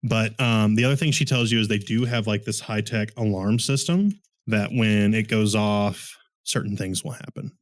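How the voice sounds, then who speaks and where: A man's voice: lowish voice, normal speed, hardly any pauses. A man running a tabletop game as game master, describing scenes in a rambling way with many fillers while he is starting to lose his voice from a sore throat.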